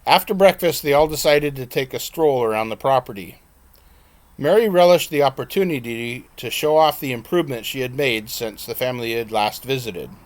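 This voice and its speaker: Guy reading his own book out loud, plain steady voice, middle pitch, fixes a slip now and then. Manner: plain, unhurried reading with occasional slips and self-corrections. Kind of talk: audiobook narration.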